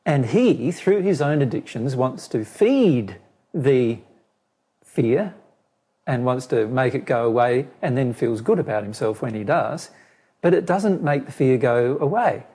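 A man with a medium-pitched, dark, slightly rough voice speaks in an animated yet measured way, his voice giving out. As a spiritual teacher, he explains a personal question to a listener at length, repeating and restarting his phrases as he goes.

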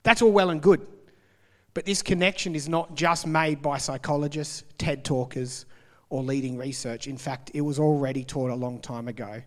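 A man preaching a sermon in a church, conversational, with emphatic pauses. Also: a little high, in a large hall. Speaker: pastor.

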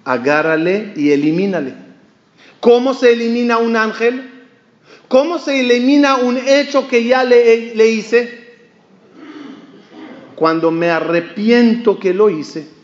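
A male rabbi giving an animated sermon, asking the audience questions and acting out the lines of a story. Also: extremely high pitch, takes it slowly, long pauses. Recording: dull, echoey hall recording.

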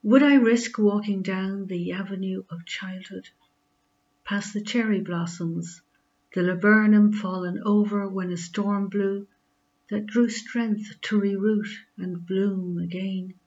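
A woman's voice: medium pitch, fairly even intonation, slow pace, darkish tone. A woman with an Irish accent reading her poetry in a dull, slightly lo-fi recording. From Ireland. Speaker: poet.

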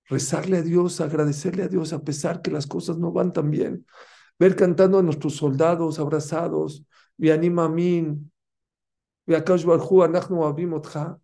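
A man's voice: on the high side, creaky, warm tone. A man giving a fervent religious lesson, asking his listeners rhetorical questions and mixing Hebrew terms into his talk. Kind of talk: Torah lesson.

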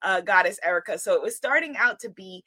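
A woman's voice: mid-range voice, animated, quick pace, pushed and bright, dry recording. A woman hosting a live spiritual talk online, chatting with viewers in an exuberant, effusive way and repeating phrases for emphasis. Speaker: livestream host and spiritual teacher.

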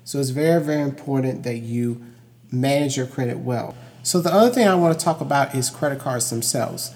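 A young man hosts a casual educational podcast on his own, pressing his main points hard and repeating them. His voice sits in the middle range with a somewhat dark tone, and he talks fairly fast. The room gives off a long, hollow reverb.

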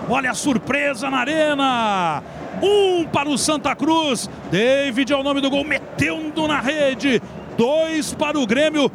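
A man calling football in explosive, shouted goal commentary, with excited drawn-out calls and rapid bursts. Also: very high voice. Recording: loud outdoor stadium ambience noise.

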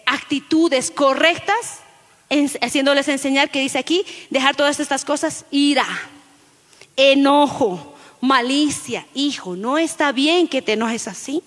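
Woman pastor preaching, animated, high voice, long echo of a church hall. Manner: animated, acts out children's voices in quotes, addresses listeners as brother. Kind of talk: sermon.

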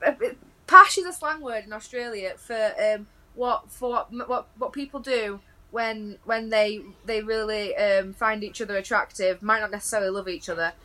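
A woman's voice: mid-range voice, moderate pace, pushed and bright. A woman in casual chat on a podcast, playing a quiz contestant, giggly and playful, rambling through answers.

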